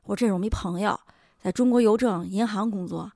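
A woman's voice: medium pitch, quick pace, vocal fry, no echo, clean studio sound. A woman hosting a podcast, telling a story in casual chat and acting out the voices she quotes. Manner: animated, laughs often, acts out quoted voices. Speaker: podcast host.

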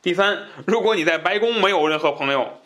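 Casual book talk comes from a podcast host who speaks a little fast in a high-pitched, slightly bright voice. He keeps things colloquial and tends to laugh at his own side remarks.

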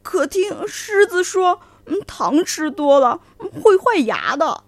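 Lady doing a big tiger that moans and stutters, slow drawn out, dry close sound. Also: very high voice, very animated, no room sound, pitched above the performer's own voice, exaggerated voice. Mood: swayed. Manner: moaning, stammering, groaning. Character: big toothless male tiger, boastful then whimpering.

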